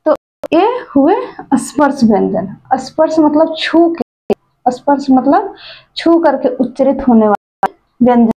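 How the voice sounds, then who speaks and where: A woman's voice: high voice, expressive, a little slow, long pauses, mellow. A woman teaching a Hindi grammar lesson for exam preparation. She recites letters one at a time and asks questions that she answers herself. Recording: dull lo-fi recording.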